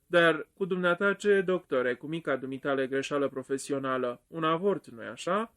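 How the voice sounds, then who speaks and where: A brash, needling adventurer, as an audiobook reader puts him on, tossing out jabs. The voice is a bit high for a man. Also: fairly bright tone, close to an everyday voice. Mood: mocking. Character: mocking male adventurer, bold.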